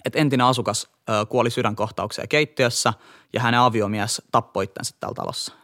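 Nuori mies kertoo podcastissa rennosti tarinaa. Hänen äänensä on keskikorkea, ja sävelkorkeus hyppii eläväisesti ylös ja alas kerronnan mukana. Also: male voice. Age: young adult. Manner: animated, jumps up and down in pitch while telling a story. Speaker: podcast co-host. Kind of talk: casual storytelling chat.

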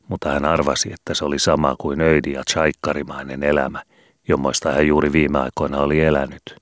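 A man reads a storybook aloud in a measured, even narrating voice. His voice sits very deep, and the recording is dry and close with no room echo. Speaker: audiobook reader. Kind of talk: scripted audiobook narration.

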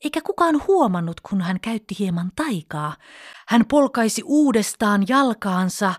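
A woman reading a children's story aloud, expressive and sometimes dropping to a whisper. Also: mid-range voice. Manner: expressive, with hushed whispered passages.

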